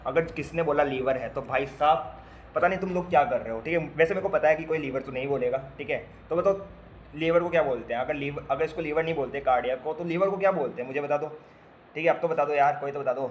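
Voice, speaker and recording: A man's voice: on the high side, fast talker, a little hiss or hum. A man teaching basic medical terms to nursing students in a casual lecture, spelling out word parts, repeating them and quizzing his students with playful asides. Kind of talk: classroom lecture.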